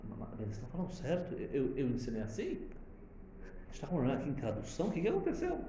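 A man's voice: medium pitch, wildly swooping pitch, quick pace, mellow, roomy sound, a little hiss or hum. A man voicing a nervous schoolteacher who stammers and apologizes. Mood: flustered. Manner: flustered, stammering. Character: anxious apologetic male schoolteacher.

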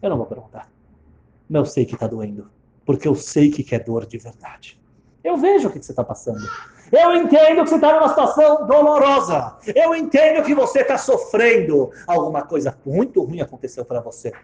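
A man's voice: mid-range voice, very animated, warm tone, close to an everyday voice. A man voicing a consoling old woman survivor. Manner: slow, earnest, consoling. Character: grieving elderly woman, Holocaust survivor, gentle and firm.

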